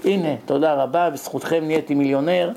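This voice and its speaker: Matter-of-fact, grateful benefactor told by a male storyteller, gravelly voice. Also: fairly high pitch, steady tone, a crowd in the background. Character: grateful wealthy man returning a lost coin.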